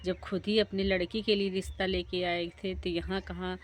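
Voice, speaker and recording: A woman's voice: on the low side, little pitch movement, moderate pace, slight background noise, lightly acted. A woman voicing a vain, boastful mother who speaks sharply. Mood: scolding.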